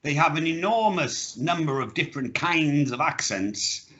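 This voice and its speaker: A man's voice: a little high, lively intonation, measured pace, a bit bright, dull audio. A man teaching an online lesson, correcting pronunciation and drilling sounds, with opinionated asides. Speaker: English teacher.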